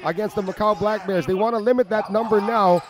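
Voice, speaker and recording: A man with a high voice offers color commentary at a basketball game, walking through the plays in full, chatty sentences. A loud arena crowd roars behind him the whole time. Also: brisk. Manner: conversational analysis in longer sentences. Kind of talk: live basketball analysis. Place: indoor arena.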